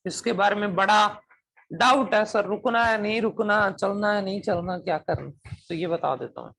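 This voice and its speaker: A man's voice: high-pitched, moderate pace, gravelly, fairly bright tone, breathy edge. Male PTE teacher quizzing his class. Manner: keeps checking if students understand, drills with questions; switches between Hindi and English demonstration phrases. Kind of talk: classroom lecture to students.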